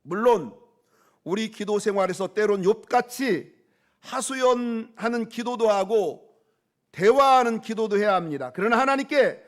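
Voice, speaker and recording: A man's voice: high voice, expressive, unhurried. A male pastor preaching a sermon, calling out questions to the congregation and pressing his points with emphasis.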